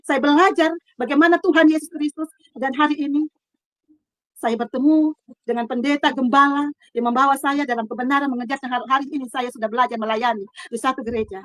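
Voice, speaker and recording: A middle-aged woman giving an earnest personal testimony in her own room, halting and restarting, swinging between soft and loud. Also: sits high, steady tone, no room sound. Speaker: testimony speaker.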